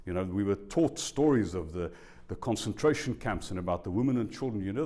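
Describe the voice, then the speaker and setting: This deep-voiced man in his sixties grew up speaking Afrikaans in South Africa. Lecturing as a spiritual teacher before a live audience in a university lecture room, he stays animated and conversational and keeps asking the room rhetorical questions.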